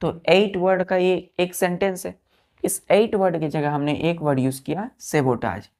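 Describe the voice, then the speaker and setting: A woman's voice: on the low side, fairly even intonation, unhurried, a little mellow. A woman teaching exam vocabulary in a lesson, spelling each word letter by letter, repeating it for drilling and often checking whether students understand. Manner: keeps asking students if it is clear; addresses students as children, repeats words for drilling.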